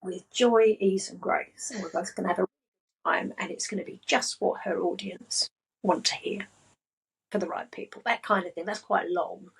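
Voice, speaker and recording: A woman with a soft, breathy voice talks at an unhurried, grounded pace. She speaks as a podcast guest and coach, calm and settled throughout. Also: medium pitch, poor audio. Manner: slow, calm and grounded delivery. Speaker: spiritual business and money coach, guest. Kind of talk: casual podcast chat.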